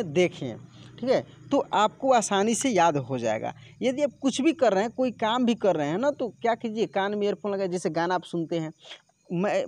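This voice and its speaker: A man teaching a lesson, patiently explaining and then reciting syllables one by one, saying one softly and the next with force. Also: high voice, dry recording. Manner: patient, repeats syllables with alternating soft and forceful stress.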